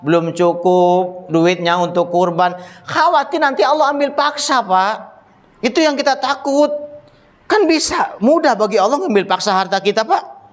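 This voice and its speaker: A man giving a casual religious study sermon, chatty and joking, teasing listeners by name and reciting Arabic verses slowly. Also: sits high. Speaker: preacher.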